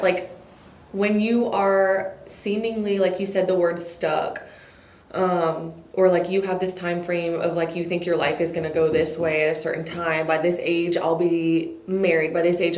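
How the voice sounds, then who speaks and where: A young married woman, a podcast guest talking in a halting, reflective way. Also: lowish voice, echoey room. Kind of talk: casual chat.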